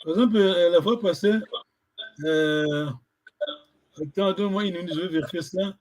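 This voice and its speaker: A man teaching a language lesson, patiently repeating words slowly for a learner. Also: high-pitched, a little mellow.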